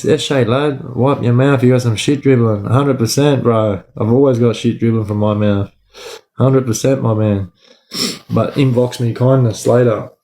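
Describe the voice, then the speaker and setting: A man's voice: mid-range voice, a little mellow. Echoey Aussie man talking eshay street slang. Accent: Australian. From Australia. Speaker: livestream storyteller. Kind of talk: casual livestream chat and yarn. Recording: echoey room.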